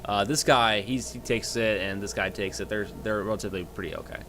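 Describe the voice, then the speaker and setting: A man narrating as game master of a tabletop game, halting and full of fillers. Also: lowish voice, steady tone, background noise. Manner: halting, many fillers and restarts.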